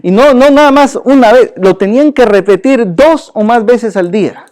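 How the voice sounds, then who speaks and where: Animated man teaching Bible class. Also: very high voice, normal speed. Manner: animated, joking, questions the class and calls them brother. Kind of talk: church Bible class lecture. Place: church classroom.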